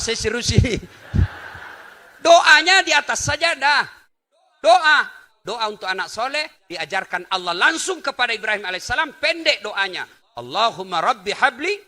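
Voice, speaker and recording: Lively preacher guy, very bright tense voice, jumps loud then soft, bit high. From Indonesia. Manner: animated, swings from loud exclamations to soft asides, acts out little scenes. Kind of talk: lively sermon to a live audience.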